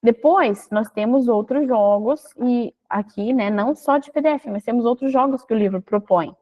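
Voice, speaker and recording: Woman from the south, 30s, chatty teacher voice, kinda high, keeps checking in with parents. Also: normal speed, lo-fi sound. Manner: chatty, frequent "tá?" and "né?" tag questions. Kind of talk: casual instructional talk.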